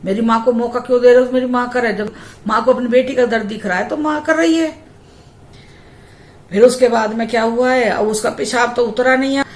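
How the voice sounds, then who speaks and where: A woman's voice: on the high side, normal speed, echoey room. A young adult woman vlogger telling a personal story in a chatty, repetitive way. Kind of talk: casual storytelling.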